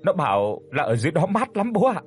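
A man's voice: big pitch swings, fast talker, a little hiss or hum. A man voicing a terrified twenty-year-old woman who stammers in a raised, trembling voice. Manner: stammering, high-pitched, trembling.

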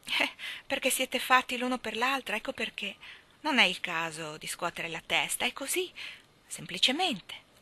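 A woman voicing a kindly, gentle older spinster in an audiobook, speaking in soft coaxing questions. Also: fairly high pitch, expressive, moderate pace, voice pushed up. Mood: gently probing.

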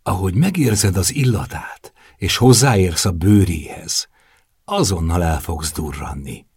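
A man's voice: fairly low pitch, sing-song, darkish tone, husky, no room sound, studio quality, heavily acted. A man voicing a brash young womanizer who teases his friend in crude, mocking words. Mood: teasing.

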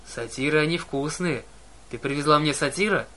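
A man voicing a huge brutish male cyclops in a storybook reading, growling and slow. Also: fairly high pitch, pushed and bright. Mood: menacing.

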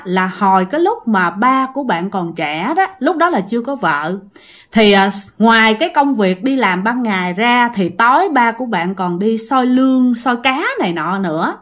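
A woman's voice: medium pitch, a bit bright. A woman casually telling a ghost story, talking straight to her listeners with many fillers. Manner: chatty, addresses listeners directly, many fillers.

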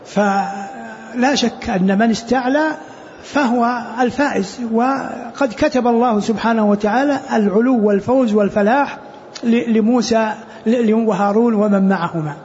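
Man, high voice, halting teacher of scripture, muffled lo-fi recording with light hiss. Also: a little mellow. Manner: halting, repeats words when restarting. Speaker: sheikh commenting on Quran exegesis. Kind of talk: religious lesson commentary.

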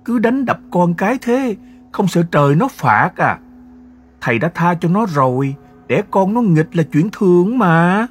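A man voicing a sharp-tongued middle-aged mother who chides her husband in a high, nagging voice. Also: very animated, unhurried, husky, heavily acted. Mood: chiding. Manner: shrill nagging reproach.

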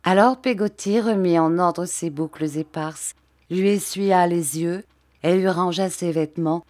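A woman reading a classic novel aloud in a measured, even storytelling manner. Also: on the low side. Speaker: audiobook reader.

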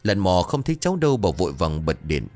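A man narrating a horror story in a measured, suspenseful way. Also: low-pitched, sing-song, a little mellow, soft background music.

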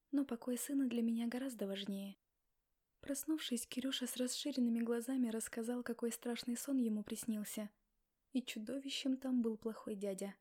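A woman narrating an audiobook in the first person, with expressive, dramatic reading. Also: fairly high pitch.

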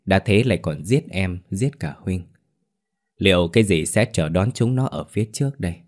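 A man reads a scripted ghost story in a slow, somber delivery. His voice sits low and heavy. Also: animated, a little mellow.

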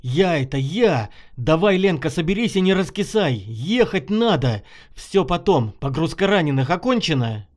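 Man doing a tough army officer, roaring, tender in quiet moments, lively pitch, audiobook figure. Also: moderate pace, few pauses. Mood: urgent. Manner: shouting orders, then hushed.

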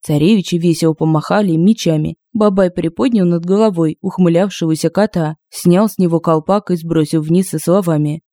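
Woman reading a funny audiobook, mellow, dry home mic. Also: lowish voice, a little fast, few pauses, no echo. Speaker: audiobook narrator. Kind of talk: scripted narration. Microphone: close mic, home recording.

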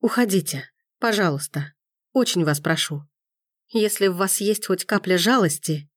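A woman voices a furious, hurt young woman pleading on the verge of tears, impassioned and rising. Her fairly high, animated voice is pitched above her own yet close to everyday speech, at normal speed, in a dry studio-quality recording.

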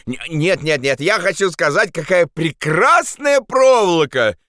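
A man as a desperate young partisan, high strained shouting, pleading and exasperated, audiobook role. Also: sing-song, unhurried, dry recording, studio quality, full character voice. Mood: frantic pleading.

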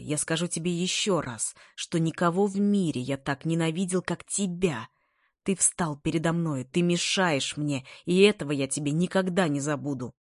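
A woman's voice: deep voice, no room sound, clean studio sound. A woman reading a story, voicing a haughty, spiteful young baron who speaks with bitter hatred. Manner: bitter, hateful, proud.

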